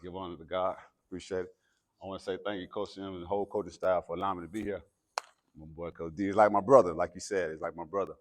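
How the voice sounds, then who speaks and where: A man's voice: sits low, fast talker, noisy background. An American man delivering a pregame pep speech as a guest motivational speaker, preacherly and emphatic. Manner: preacherly, emphatic, builds from calm talk to loud exhortation.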